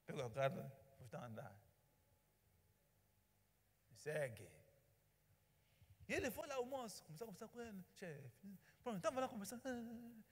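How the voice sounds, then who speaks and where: A man's voice: sits high, normal speed, long pauses, slightly rough. A male pastor, telling a story in a sermon and acting out the dialogue. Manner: animated storyteller, acts out dialogue. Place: church hall. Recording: reverberant church hall.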